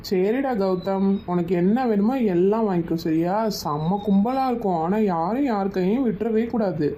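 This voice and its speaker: Cartoon brother: a woman playing an easygoing young man, calm and steady. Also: medium pitch, normal speed, a little hiss or hum, natural voice. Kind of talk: cartoon voice acting.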